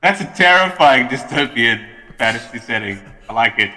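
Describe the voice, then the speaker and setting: Very bright, forceful man with long reverb. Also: mid-range voice, expressive, normal speed. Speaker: tabletop game player. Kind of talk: casual improvised game chat.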